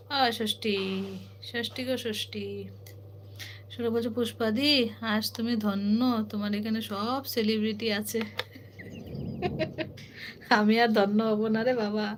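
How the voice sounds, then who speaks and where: A woman's voice: a little high, noisy background. A woman from Assam hosting a live stream, reading viewer comments aloud in a chatty, playful way with teasing sing-song asides. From Assam, India. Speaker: livestream host.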